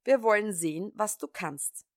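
A woman voicing two wary male thieves in a storybook reading, hushed and furtive. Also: mid-range voice, moderate pace, no echo, studio quality, natural voice.

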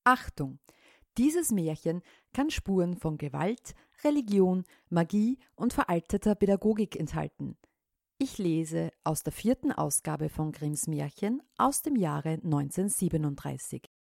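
A woman calmly reading an old fairy tale aloud as a storyteller, in a measured, even narration. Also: on the low side.

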